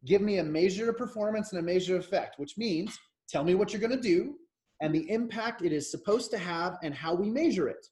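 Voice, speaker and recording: Co-hosting a podcast, an American man in his thirties chats about politics in a rambling, opinionated manner, restarting often. His voice is high-pitched and a little mellow, and he speaks fairly quickly.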